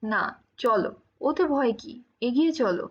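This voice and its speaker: A woman voicing a gentle, teasing middle-aged village husband in an audiobook, speaking with patient coaxing. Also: fairly high pitch, animated, slow, breathy edge, muffled recording, full character voice.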